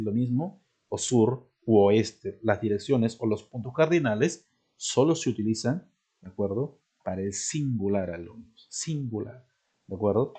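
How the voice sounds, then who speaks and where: Man, teacher, husky voice, didactic, keeps checking in with students. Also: medium pitch, mellow. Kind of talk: recorded grammar lesson.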